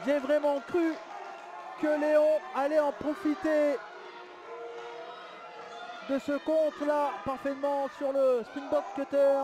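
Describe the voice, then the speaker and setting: Casting: male wrestling commentator, extremely high register, exclamatory live calls with stretched words, clear crowd noise behind. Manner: excitable, exclamatory, drawn-out calls of big moves.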